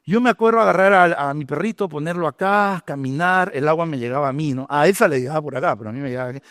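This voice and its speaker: A man with a Peruvian Spanish accent preaching a sermon in a church, telling stories with lively, dramatic delivery. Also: on the high side, fast, no room sound, clean studio sound. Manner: animated storytelling preacher, shouting out quoted lines. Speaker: pastor. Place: church hall.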